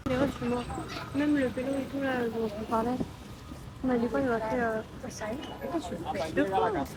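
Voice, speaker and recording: A woman's voice: on the high side, steady tone, brisk. Annoyed young woman vlogging on a noisy street. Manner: annoyed, chatty, many fillers like genre and euh. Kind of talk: casual vlog rant. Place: outdoors waiting on the street. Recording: outdoor street noise behind.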